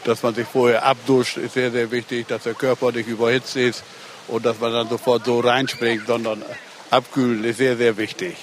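An older retired lifeguard answering interview questions at an outdoor pool in a plain, matter-of-fact way. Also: male voice, medium pitch, level tone, moderate pace, slight background noise.

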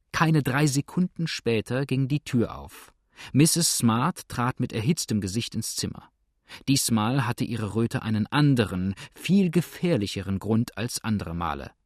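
A man with a mid-range voice reads a scripted story aloud in a measured storytelling style, as an audiobook narrator. The studio sound is clean, with no room sound.

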